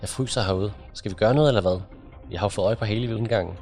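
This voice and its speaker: A man's voice: lowish voice, darkish tone, faint music behind, close to an everyday voice. A man doing a mocking, impatient young woman. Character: sharp-tongued impatient young woman agent.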